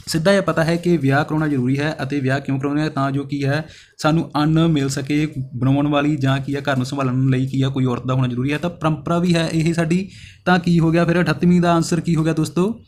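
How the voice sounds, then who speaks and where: Brief: male exam-coaching teacher, slightly higher voice, rhetorical Q-and-A delivery, faint background hiss. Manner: keeps asking and answering his own questions; addresses viewers as friends. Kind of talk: exam question walkthrough lesson.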